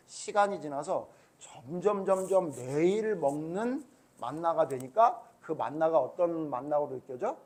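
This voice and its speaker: High-voiced man preaching to children. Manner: questions the children constantly, animated storytelling. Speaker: pastor. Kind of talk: children's Sunday school sermon.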